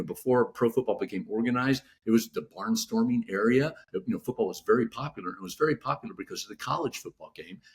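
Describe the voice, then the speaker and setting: Lowish male voice, guest author, casual podcast chat, halting with constant fillers. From California. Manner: halting, heavy on "you know" fillers and restarts.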